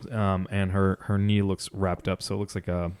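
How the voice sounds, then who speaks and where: A man co-hosting a podcast gives casual sports recap commentary, explaining in a measured way and repeating phrases. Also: low voice, flat delivery, a little mellow. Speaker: podcast co-host.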